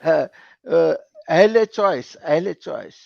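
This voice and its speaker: A man calling in to a live call-in show over a call line, speaking haltingly in simple, broken phrasing with many repeated words. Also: fairly high pitch, lively intonation, gravelly, a little mellow, dry recording. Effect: call-in caller heard over a lo-fi call line. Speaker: call-in caller. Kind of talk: casual debate on a call-in stream. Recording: dull lo-fi call audio.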